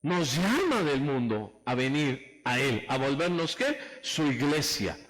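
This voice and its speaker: A pastor preaching an emphatic sermon, calling on the congregation to raise hands and repeat phrases after him. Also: male voice, medium pitch, very animated, slow, a bit bright, low-quality recording.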